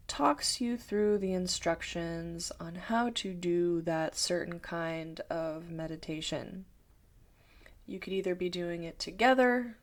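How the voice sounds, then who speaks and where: A woman who teaches meditation talks her viewers through the basics. She speaks slowly and calmly. Her voice sits on the low side, and she takes her time over each thought. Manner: slow, calm, thoughtful explaining. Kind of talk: talking-head explainer video.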